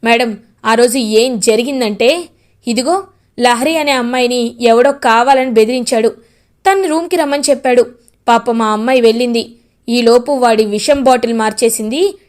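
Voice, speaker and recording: A woman's voice: a little high, moderate pace, a little mellow, natural voice. A woman voicing a frightened male henchman. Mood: explaining. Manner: confessing in fear.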